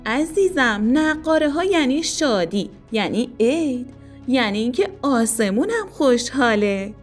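A woman playing a gentle, patient mother who speaks affectionately and reassuringly to her little daughter in a storybook. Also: high-pitched, very animated, faint music behind. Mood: tender.

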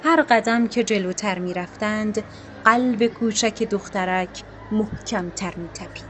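A woman narrating a scripted story in a calm, measured, literary way. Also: medium pitch, slight background noise.

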